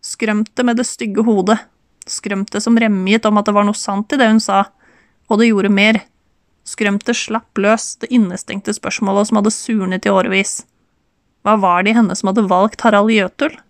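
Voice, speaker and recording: A woman narrating an audiobook chapter in a calm, measured reading. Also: mid-range voice, no room sound, clean studio sound. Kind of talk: scripted narration.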